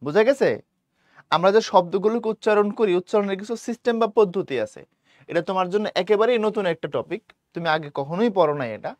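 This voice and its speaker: A young male teacher gives an exam-prep lesson in a high, clear voice. He talks in a casual, colloquial way, going over points again and checking whether students follow. The sound is dry and close, with no room echo. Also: quick pace. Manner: colloquial, repeats key points and checks understanding.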